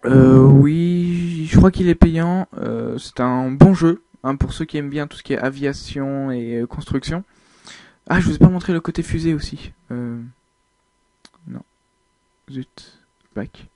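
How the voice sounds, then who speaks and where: A man's voice: fairly high pitch, measured pace, warm tone, no room sound. A man giving casual, hesitant gameplay commentary, thinking aloud with many fillers. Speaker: video game uploader.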